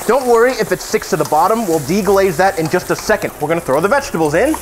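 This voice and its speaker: A man's voice: sits high, lively intonation, fast talker, rough recording. A drunk man giving a casual cooking tutorial, rambling and tossing in joking, self-deprecating asides while he works. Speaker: cooking video host. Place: home kitchen while cooking. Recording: sizzling pan and kitchen noise.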